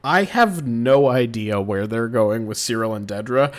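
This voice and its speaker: A man talking through a show in an unhurried way, trailing off and restarting as he goes. He reacts with groans and sighs, mid-pitched and relaxed. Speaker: podcast co-host. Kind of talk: casual chat reviewing a TV episode.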